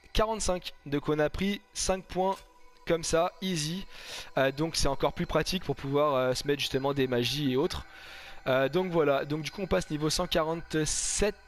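Higher-voiced man, casual game commentary. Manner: informal, slangy, chatty. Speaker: gaming video host.

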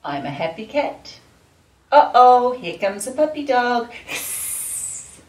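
Slow sing-song woman teaching kids. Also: fairly high pitch, very animated, darkish tone. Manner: slow, sing-song, encouraging to young children. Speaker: children's dance and gym teacher. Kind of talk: leading a kids' movement class. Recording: echoey room, voice from far off, faint music.

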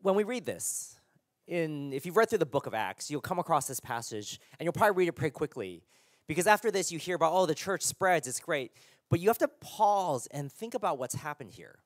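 A man, the church's pastor, preaching a sermon in a casual, halting way with many fillers and restarts. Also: a little high, very animated, no echo, clean studio sound.

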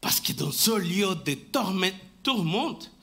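A man preaching a live sermon in church, slow and emphatic, often restarting his phrases and asking for the next slide. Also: high voice, sing-song, creaky, bright, forceful tone. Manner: talks to the congregation and asks for the next slide. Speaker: pastor. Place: church sanctuary, indoors.

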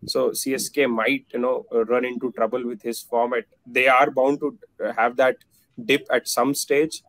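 A man's voice: medium pitch, flat delivery, normal speed, fairly bright tone, no room sound, rough recording. Man, 30s, cricket analyst, video call, hesitant with fillers, dry close sound. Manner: hesitant, many fillers and restarts. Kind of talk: casual panel discussion. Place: plain indoor room. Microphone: video call webcam.

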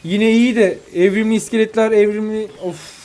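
A young man giving live commentary on his own mobile game matches, excitable and quick to vent frustration at his opponents. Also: high voice. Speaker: gaming YouTuber. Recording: faint music behind.

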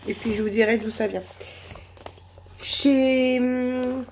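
A woman with a cold and a hoarse voice, chatting slowly and hesitantly through a shopping haul. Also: high-pitched, fairly even intonation, a little mellow. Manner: hesitant, many fillers, slow and chatty. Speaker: vlogger. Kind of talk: casual shopping haul vlog.

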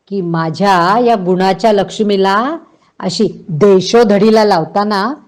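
A fierce, outspoken older aunt fills this storybook scene, as a woman reader puts her on. Her voice rides high and loud, full of exclamations and sharp scolding. She speaks at an unhurried reading pace.

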